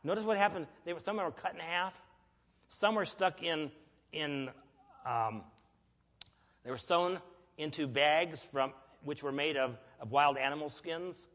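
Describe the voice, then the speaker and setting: A man preaching a sermon in a church, earnest and emphatic, telling a personal story with pauses. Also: on the high side, a bit bright. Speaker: lay preacher. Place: church sanctuary. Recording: echoey church hall, dull lo-fi.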